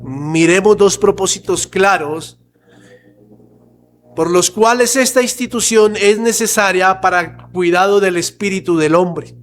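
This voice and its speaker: A pastor preaching a sermon to his church, slow and emphatic, asking rhetorical questions. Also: high voice, a little hiss or hum, poor audio.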